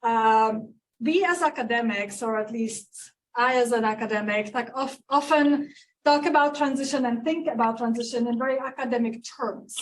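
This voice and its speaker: A woman researcher giving a presentation at an event, talking with many fillers and pauses. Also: fairly high pitch. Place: event room. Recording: distant mic with faint room noise.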